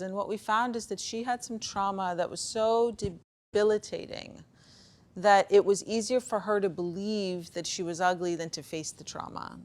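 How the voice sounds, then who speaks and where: With a lowish voice, she recounts personal stories in an animated, conversational way, acting out dialogue, during a casual motivational conference talk on beliefs and performance; she is from Pakistan, with Afghan roots.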